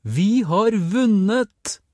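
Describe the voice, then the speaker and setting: A man voicing an eager young boy who shouts urgently for his mother in an audiobook, his voice lifted high and loud. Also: flat delivery, dry recording, clean studio sound, lightly acted. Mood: excited shouting.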